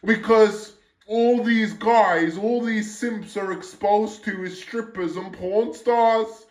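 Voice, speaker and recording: High-pitched guy talking slow, blunt and swearing. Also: fairly even intonation. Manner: blunt, profane. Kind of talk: casual rant. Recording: roomy with faint noise.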